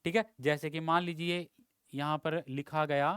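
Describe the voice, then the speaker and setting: High-voiced man teaching a grammar class. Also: little pitch movement, normal speed, a bit bright, clean tone, no room sound, studio quality. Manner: explanatory, quizzes students, repeats "ok ji" often; draws out vowel sounds to demonstrate them. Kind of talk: exam-prep grammar lesson.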